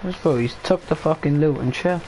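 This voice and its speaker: A man's voice: on the high side, a little fast. Young male streamer, loose playful banter with swearing, slight noise behind him. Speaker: gamer streaming a shooter game. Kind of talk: casual gameplay chat. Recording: noisy game stream with background ambience.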